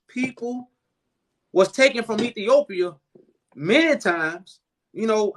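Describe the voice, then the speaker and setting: Man, high voice, preachy, hosting a live chat. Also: sharp tone. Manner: preachy, addresses listener as "brother man". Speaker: host.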